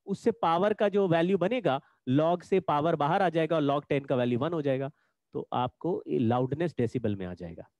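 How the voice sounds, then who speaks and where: High-voiced man teaching a physics class. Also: a little mellow, dry recording. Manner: explains patiently, repeats key points. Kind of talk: online class lecture.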